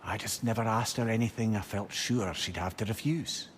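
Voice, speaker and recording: With a lightly acted delivery on the low side, this actor speaks at normal speed as an old male advisor from Scotland, witty and wistful, telling tales in a video game. His storytelling is reflective, lyrical, wry and conversational, recorded with ambient noise in the background.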